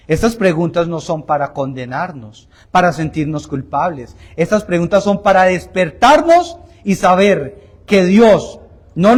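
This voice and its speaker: A man's voice: sits high, a little mellow. A man preaching a Sunday homily in a church, emphatic and repetitive, asking the congregation direct questions and joking about himself. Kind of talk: Sunday sermon.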